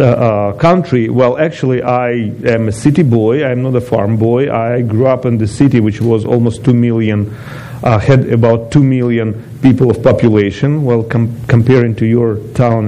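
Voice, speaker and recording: Mellow-voiced man from Ukraine giving a testimony. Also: medium pitch, fairly even intonation, moderate pace, poor audio. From eastern Ukraine. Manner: non-native phrasing, chatty with asides to the audience. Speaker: guest speaker giving a testimony. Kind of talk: personal testimony talk.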